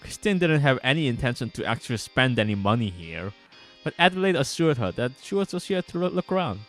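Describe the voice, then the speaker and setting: Guitar music runs under the voice as a streamer reads aloud from a visual novel he wrote, tossing in casual comments. He speaks in a medium-pitched, sing-song voice at a fairly quick pace, with a fairly bright tone.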